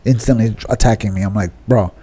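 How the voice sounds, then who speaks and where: Male podcast co-host, 30s, warm low-key tone, easygoing storyteller. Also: a little fast, husky. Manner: relaxed, rambling storytelling. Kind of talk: casual chat. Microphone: podcast studio mic.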